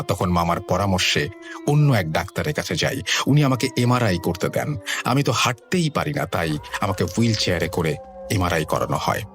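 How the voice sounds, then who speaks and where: A man narrates a horror story in the first person, measured and somber. His voice sits very low. Soft music plays faintly under the reading.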